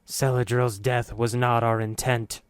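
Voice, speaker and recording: Guy doing a cold hive mind of rats, slow commanding talk, even pitch. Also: clear, resonant tone, no room sound, clean studio sound, close to an everyday voice. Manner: measured, collective commanding tone.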